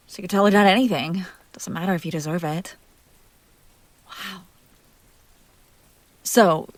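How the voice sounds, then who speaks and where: A woman plays a jealous, possessive, fiercely protective young woman in an intimate roleplay audio drama, speaking close to the mic in emphatic, halting bursts. Her voice sits lowish and sounds stunned and subdued. The close-miked recording is dry, with no room sound.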